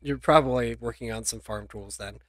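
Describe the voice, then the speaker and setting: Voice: mid-range voice, a little fast, fairly bright tone, no room sound, clean studio sound. A game master narrating a tabletop role-playing game in a casual chat, laughing often between lines. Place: home streaming setup.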